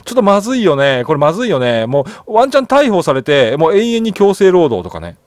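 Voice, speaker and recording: Animated high-voiced man chatting news. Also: quick pace, dry recording, studio quality. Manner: animated, chatty, frequent tag questions and fillers. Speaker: news commentary channel host. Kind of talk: casual solo commentary reading news.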